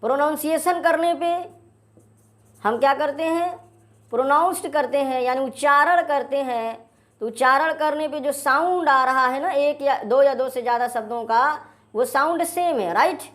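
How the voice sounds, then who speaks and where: A woman teaching English grammar, repeating key phrases slowly and checking in with "right?". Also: high-pitched, fairly bright tone. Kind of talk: classroom-style lesson explaining definitions.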